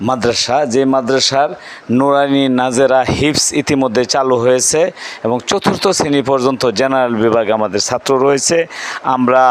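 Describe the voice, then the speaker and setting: A man from Bangladesh, a madrasa principal, speaking informally to parents and often restarting and correcting himself. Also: mid-range voice. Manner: speaks plainly with frequent restarts and self-corrections.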